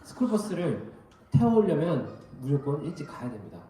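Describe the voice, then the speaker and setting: A man preaching a sermon as pastor, telling everyday stories in an animated way. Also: a little high, brisk. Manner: animated storytelling with anecdotes. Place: church hall. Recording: very echoey hall, mic at a distance.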